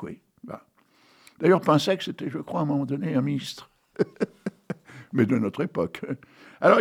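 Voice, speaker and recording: A man's voice: mid-range voice, creaky, husky. An older man with grandchildren, hosting a radio poetry show, reading poems aloud between chatty asides full of fillers. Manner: chatty, many asides and fillers, dramatic recitation.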